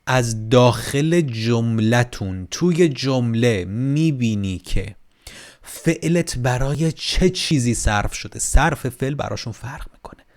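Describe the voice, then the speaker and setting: A man teaching a casual online German grammar lesson, lively, and repeating words slowly so learners can copy the pronunciation. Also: medium pitch.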